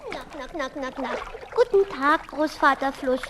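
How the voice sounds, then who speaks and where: A woman's voice: very high voice, measured pace, noisy background. A woman voicing an eager little puppet animal child who keeps making clucking knock sounds.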